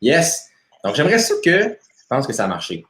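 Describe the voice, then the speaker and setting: A man's voice: mid-range voice, huge pitch swings, moderate pace, a bit bright, echoey room. A man with a Québécois accent hosting a live stream interview, casual and full of fillers. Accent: Québécois French. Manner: casual, many fillers and restarts. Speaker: host.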